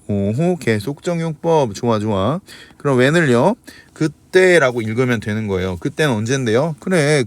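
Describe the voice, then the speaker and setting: A man teaching English grammar in a recorded lecture, asking questions and answering them himself, switching between polite and casual speech. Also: mid-range voice. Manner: asks and answers his own questions.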